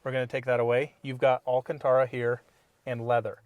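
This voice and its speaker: A man in a casual car review, calmly giving measured opinions from inside a parked car. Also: mid-range voice. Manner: easygoing, agreeable, measured opinions. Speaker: co-host reviewing cars.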